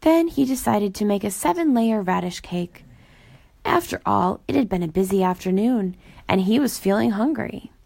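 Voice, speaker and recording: A woman reads a children's storybook aloud in a gentle, even storytelling voice. Her tone has a gravelly fry running through it. The recording is dry and close to the mic. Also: mid-range voice, moderate pace, no room sound. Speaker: storybook reader.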